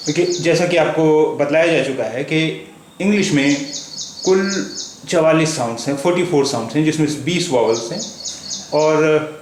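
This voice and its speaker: Slow, hesitant teacher with a higher voice. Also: male voice. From India. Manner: slow, repetitive, with many hesitations. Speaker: language teacher. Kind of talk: spoken English lesson taught in Hindi. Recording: echoey room with faint background noise.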